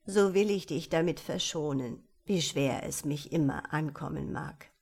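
A woman's voice: deep voice, a little slow, gravelly, darkish tone, husky, pitched below the performer's own voice, exaggerated voice. A woman voicing a lovesick little hunchbacked old man who pleads in sorrow, in a storybook reading. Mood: pleading.

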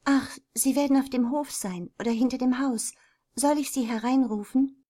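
Reader voicing a young daughter calming her mother, coaxing, brighter and higher. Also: normal speed. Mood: casual. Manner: reassuring, coaxing. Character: dark-haired teenage daughter, soothing.

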